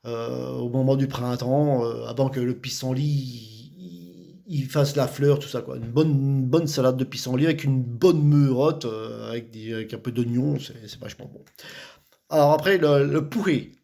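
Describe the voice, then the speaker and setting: A man's voice: mid-range voice, normal speed, vocal fry, warm tone. A man from the Vosges with a Vosges French accent, chatting casually about local words, talking in loose repetitive bursts with many fillers. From Vosges, France.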